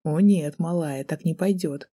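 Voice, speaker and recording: A woman narrator voicing a mocking, menacing young male student in an audiobook, speaking low and soft in a taunting way. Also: unhurried, slightly rough. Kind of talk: audiobook character voice.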